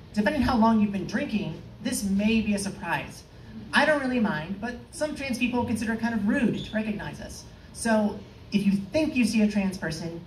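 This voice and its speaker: Deadpan young woman doing stand-up, echoey club. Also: mid-range voice, slight background noise. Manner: deadpan, dry one-liners with fillers. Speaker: stand-up comedian. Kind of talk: stand-up set. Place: comedy club stage, in front of a live audience. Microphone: far room pickup, no mic held. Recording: echoey club heard from far off.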